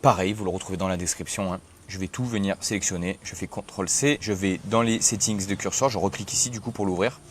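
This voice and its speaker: A young man casually explaining software setup step by step in a tutorial video. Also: deep voice, fairly even intonation, fast talker, few pauses, a little hiss or hum. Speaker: tech tutorial host. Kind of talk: screen-recorded software tutorial.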